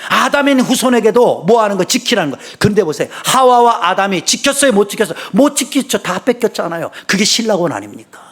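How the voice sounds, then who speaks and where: A middle-aged man preaching a sermon as senior pastor, swinging between fervent shouts and low, conversational asides. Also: big pitch swings, quick pace, hardly any pauses.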